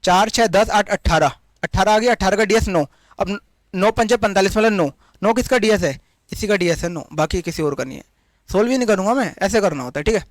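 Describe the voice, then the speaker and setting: Fast-talking high-voiced maths teacher, man. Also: no echo. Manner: rapid step-by-step working through sums, addressing students directly. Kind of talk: exam-prep maths lecture.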